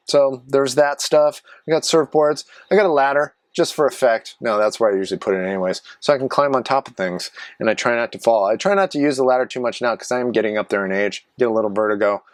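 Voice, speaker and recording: A man in his forties, a vlogger and live streamer, rambles casually to camera from a small garage office, chatty and self-mocking, drifting into asides. His voice is mid-range, and the studio-quality recording has no echo.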